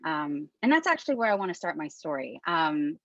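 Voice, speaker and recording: A woman's voice: low voice, sing-song, brisk, a bit bright, no room sound. Woman in her thirties on a muffled call. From Philippines. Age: 30s. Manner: candid and conversational. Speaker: webinar speaker. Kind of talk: informal webinar presentation. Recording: dull lo-fi dry call audio.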